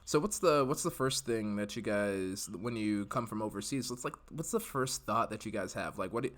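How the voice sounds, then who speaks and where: Interviewing a guest on his podcast, this man keeps it chatty and jokey, with quick bursts of laughter. His voice is lowish and a bit bright, with lively intonation.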